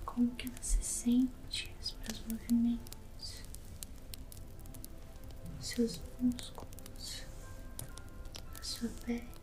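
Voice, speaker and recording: Brazilian woman, soft breathy whispered role-play as a soothing massage therapist, very flat intonation, unhurried. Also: a little high, over music, rough recording. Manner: slow, soothing, gently guiding. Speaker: ASMR performer playing a massage therapist.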